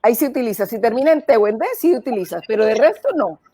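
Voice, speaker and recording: A woman's voice: a little high, lively intonation, fast talker, warm tone, slightly rough, no echo. A woman, a guest in an interview, explaining and laughing as she recounts stories. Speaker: guest, coach and former English teacher. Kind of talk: casual interview chat.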